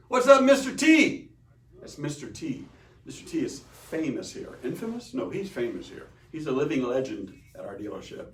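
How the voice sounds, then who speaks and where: A man hosting a solo livestream from a room at a car dealership, rambling and joking with his pitch swinging up and down. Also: recorded from a distance. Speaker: host of a dealership live show. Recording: echoey room, a bit off-mic.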